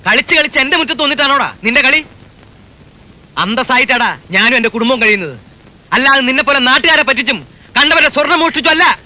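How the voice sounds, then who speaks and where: A man's voice: extremely high pitch, fast talker, bright, forceful tone, exaggerated voice, poor audio. An actor playing a proud, short-tempered, suspicious father in a comedy film, scolding. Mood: indignant. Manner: blustering, scolding. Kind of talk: Malayalam comedy film acting.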